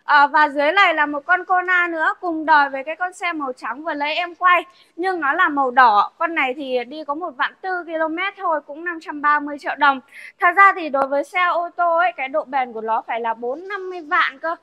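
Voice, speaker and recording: Speaking fast in a high, pushed, bright voice, a young used-car saleswoman chats casually with viewers, whom she addresses as "các bác." She repeats herself as she shows them a car and the showroom, and the recording is dry.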